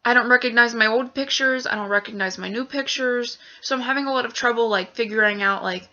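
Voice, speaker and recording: A woman's voice: on the high side, a little fast, pushed and bright. A young woman venting frankly in a vlog, swearing often and full of fillers. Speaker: vlogger. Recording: dull lo-fi webcam audio.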